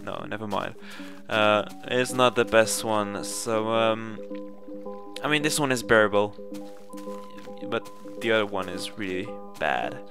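A man's voice: lowish voice, measured pace, gravelly. A young man from Sweden with a Swedish accent, narrating a casual game playthrough with many fillers and self-corrections. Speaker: gaming channel host. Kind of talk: casual Let's Play commentary. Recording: game music playing behind.

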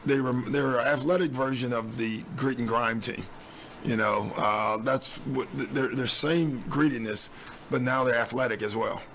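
This is a man in his sixties, a head coach at a postgame press conference in the team press room, answering reporters on a desk mic set on a stand. His delivery is blunt and matter-of-fact with frequent ums, his mid-range voice fairly even in intonation, moderately paced and a bit bright, with slight background noise.

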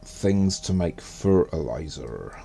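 A man's voice: extremely low pitch, expressive, slow, vocal fry, mellow, slight background noise. A man streaming a space game, chatting casually as he plays and muttering to himself. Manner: muttering to himself while playing. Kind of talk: casual gameplay commentary.

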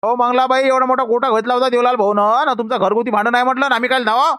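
A man's voice: very high voice, steady tone, racing, a bit bright, clear, resonant tone, no echo, studio quality. A man acting as a scolding village neighbor in a comedy skit, with a rustic Varhadi Marathi accent. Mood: defensive.

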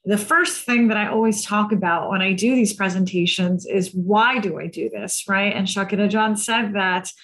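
A woman's voice: mid-range voice, normal speed, few pauses, fairly bright tone, rough recording. American woman presenting over a headset. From United States. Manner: earnest, frequent tag "right?" and "um". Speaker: guest speaker on cultural competence. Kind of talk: presentation over a video call. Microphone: headset on a video call.

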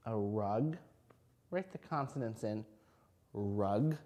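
Guy teaching little kids to read, talks slow n simple like to a toddler, encouraging. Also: lowish voice, expressive, dark tone. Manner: speaks simply and encouragingly, as if to a small child; sounds out and spells words letter by letter. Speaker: kindergarten reading teacher. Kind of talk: phonics lesson addressed to young children. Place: indoors at an interactive whiteboard.

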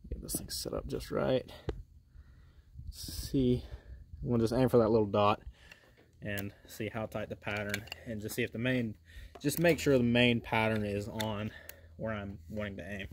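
A man's voice: lowish voice, slight background noise. Folksy man vlogging outdoors. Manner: folksy, plainspoken, talks to viewers as he works. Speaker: outdoors channel host. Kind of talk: casual outdoor gear-testing vlog. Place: outdoors at a shooting range.

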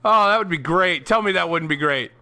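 A man giving profane, excitable gameplay commentary, shouting at the game and laughing often. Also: high-pitched, fairly quick. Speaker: gaming channel host.

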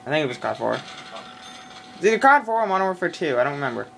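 A man's voice: on the high side, very animated, fast, gravelly, a bit bright, a little hiss or hum. A man in casual chat while playing a zombie shooter with a friend, joking and swearing. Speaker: gamer.

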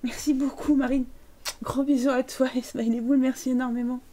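A woman's voice: high voice, level tone, brisk, dark tone. A woman streaming a life-sim game live, chatting playfully to her characters and thanking viewers as she goes. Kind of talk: live gameplay commentary.

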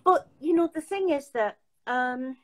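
An older woman hosts a casual video call chat from a room in her home, chatty and emphatic with many restarts. Her voice sits high and moves at a measured pace.

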